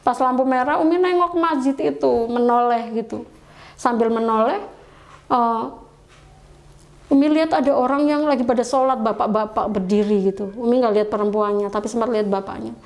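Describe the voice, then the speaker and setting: Middle-aged woman, high voice, emotional testimony with pleading prayers. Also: fairly quick. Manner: refers to herself as Umi, pleading quoted prayers. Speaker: guest telling her conversion story.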